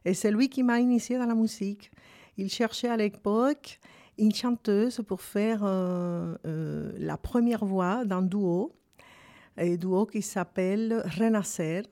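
A woman from Cuba, a singer and actress giving a radio interview and speaking hesitantly with many filler pauses. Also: medium pitch, dark tone.

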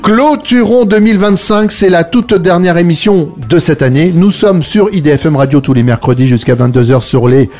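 Higher-pitched man hosting a radio show. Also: animated, normal speed, hardly any pauses, darkish tone, faint music behind. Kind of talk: live radio presenting, casual chat. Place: radio studio.

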